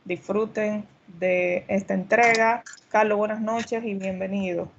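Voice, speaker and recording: A woman's voice: mid-range voice, steady tone, unhurried, noisy background. A woman hosting and introducing an online community meetup, courteous and polite, often adding "verdad" as a tag. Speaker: community group organizer and host. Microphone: computer mic on a video call. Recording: dull lo-fi video call audio.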